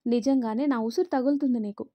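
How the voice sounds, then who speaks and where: A woman voicing a bitter, sharp-tongued middle-aged mother-in-law who scolds and taunts in a raised voice. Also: fairly high pitch, brisk, highs cut off, close to an everyday voice. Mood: scornful.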